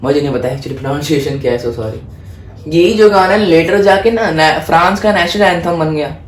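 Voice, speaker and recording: Guy doing casual history exam prep, mixes hindi and english, trips on french names, kinda high voice, echoey room with a bit of hiss. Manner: asks himself questions then answers them. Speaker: history tutor. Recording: echoey room, faint background noise.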